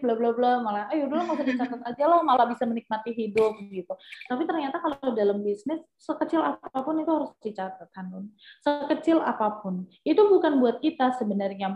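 A young adult woman, a business guest, talking casually and animatedly with lots of fillers. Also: a little high. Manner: chatty, animated, with many fillers. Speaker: entrepreneur guest. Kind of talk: casual interview chat. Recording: echoey, dull lo-fi sound.

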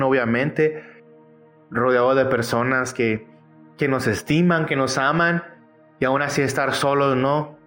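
A man's voice: mid-range voice, fairly bright tone. Earnest man sharing a faith testimony. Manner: earnest, conversational, frequent tag questions.

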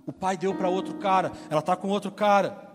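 Male preacher, high voice, lively colloquial retelling, hall reverb. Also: a little fast. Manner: animated, colloquial storyteller. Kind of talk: sermon with Bible reading and retelling. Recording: reverberant hall with faint music.

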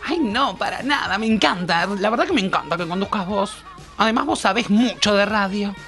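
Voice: mid-range voice, expressive, fairly quick, fairly bright tone. A performer playing a flirty, gushing female radio announcer with a Uruguayan accent, in comic co-host chat. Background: background music.

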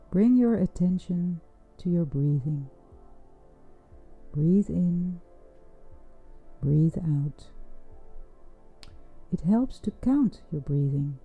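A woman guides a breathing meditation very slowly, leaving long pauses. Her soft, soothing voice is very dark and relaxed. Music plays underneath, and the sound is slightly dull. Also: sits low.

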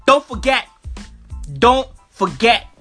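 A man hosting a sports podcast in an animated, taunting fan rant, full of slang and repeated phrases for emphasis. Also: very high-pitched, slow pace, over music. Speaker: podcast host.

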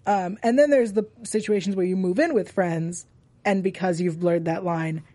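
A woman's voice: fairly low pitch, normal speed, mellow, dry recording. A woman hosting a casual TV after-show, chatting emphatically and repeating her points for effect. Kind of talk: casual TV recap chat.

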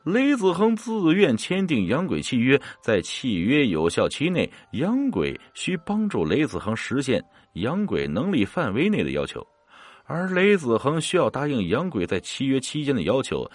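A man narrating a scripted ghost story in a dramatic, expressive manner. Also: mid-range voice, normal speed, dry recording.

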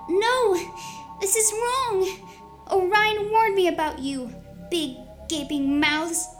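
A woman reading a storybook, voicing Maria, a curious and innocent young girl, in a high, excited voice. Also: takes it slowly, faint music behind. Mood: alarmed.

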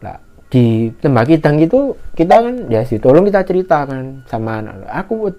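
A man telling a mountain story in casual conversation, acting out the shouted lines of others in a raised voice. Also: moderate pace. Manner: animated, acts out shouted quotes in a higher voice. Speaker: guest storyteller. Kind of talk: casual spoken horror story.

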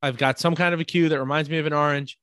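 Speaking in a rapid-fire, slightly high voice, this New York-accented man co-hosts a podcast and talks ideas through in a laid-back way. He builds his case from everyday examples and keeps tossing in "right?" to check in, all captured in a dry recording without room echo.

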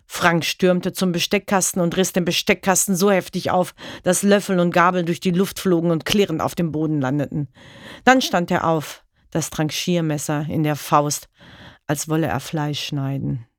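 A woman narrator reads a story aloud in a measured, grave manner. Her voice sits low, and the recording is dry and close with no room sound. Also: fairly even intonation, no room sound.

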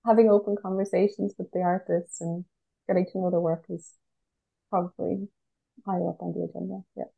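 A woman's voice: on the low side, little pitch movement, fairly quick, creaky, slightly rough, narrow, tinny audio. A woman with a west of Ireland accent gives thoughtful, pragmatic answers as an interview guest. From Galway, west of Ireland. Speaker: interview guest, art curator.

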